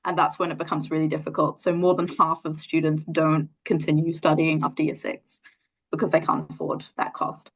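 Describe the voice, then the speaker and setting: Woman, New Zealand accent, 20s, low voice, thoughtful, hesitant restarts, interview guest. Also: completely flat delivery, brisk, creaky, breathy edge. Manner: thoughtful, many fillers and restarts. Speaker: NGO founder, interview guest. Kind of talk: casual interview talk.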